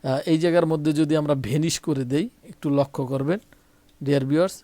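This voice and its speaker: A man's voice: on the high side, steady tone, fast, dark tone, no room sound. Bengali man explaining grammar to viewers. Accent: Bangladeshi Bengali. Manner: repetitive, addresses viewers directly, self-corrects. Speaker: English grammar teacher.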